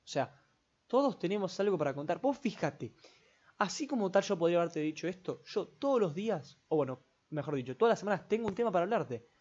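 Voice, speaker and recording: A man's voice: sits high, big pitch swings, a little fast, darkish tone. A young man with a Rioplatense Spanish accent, hosting a casual solo podcast and rambling along with many filler tags. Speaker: podcast host. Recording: dull lo-fi recording.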